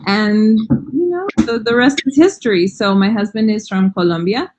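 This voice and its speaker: An American woman in her forties who teaches languages chats warmly and enthusiastically in a casual interview over a video call, often saying "um" and "you know." Her voice is medium-pitched at a normal speed. The audio is poor, with slight background noise.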